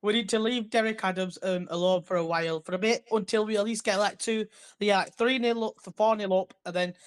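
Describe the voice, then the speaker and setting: A man's voice: sits high, fairly even intonation, brisk, clean tone. Eager young man rambling. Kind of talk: casual football chat.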